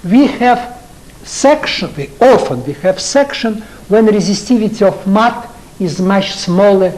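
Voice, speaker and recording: Older man, Russian accent, lecture hall, halting English, very slow, lively intonation. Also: high-pitched. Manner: halting non-native English, rhetorical questions to students. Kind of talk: university lecture.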